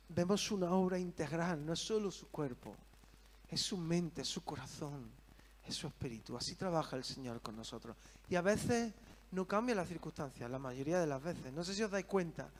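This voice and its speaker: A man preaching a sermon, earnest and full of rhetorical questions. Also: a little high.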